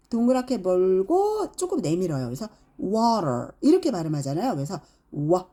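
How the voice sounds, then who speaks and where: Middle-aged lady english teacher doing phonics, bouncy pitch, warm mellow tone. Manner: lively, demonstrates sounds with exaggerated examples. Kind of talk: phonics lesson.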